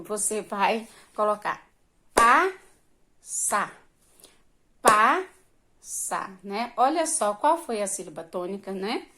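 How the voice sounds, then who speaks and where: Woman teaching young kids remotely, very slow, patient, drawn-out words. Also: medium pitch. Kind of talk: remote primary school lesson.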